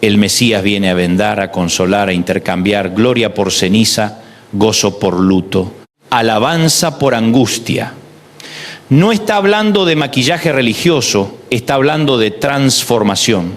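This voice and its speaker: A man's voice: on the low side, measured pace. A man preaching a scripted devotional sermon, building emphasis through repeated parallel phrases. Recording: long reverb.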